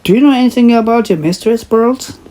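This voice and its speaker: A woman reading aloud and voicing a shrewd older male detective who questions a witness in measured, probing sentences. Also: on the high side, mellow, voice pushed up, natural voice.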